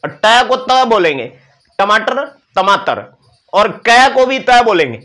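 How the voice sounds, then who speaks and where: A man's voice: extremely high pitch, very animated, measured pace, pushed and bright. A male teacher giving an exam-prep lecture, explaining and demonstrating sounds with playful asides to his students. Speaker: Sanskrit teacher.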